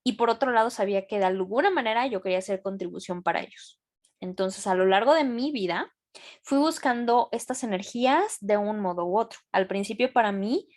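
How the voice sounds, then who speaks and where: A young adult woman with a Mexican accent hosting a casual class, talking with enthusiasm and plenty of slang. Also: medium pitch. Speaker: host of a membership session.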